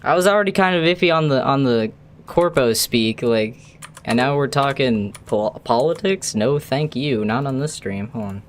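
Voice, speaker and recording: With a medium-pitched, expressive voice at a moderate pace, a man streams a video game and offers casual, chatty commentary to his chat. He rambles and lets the odd swear slip.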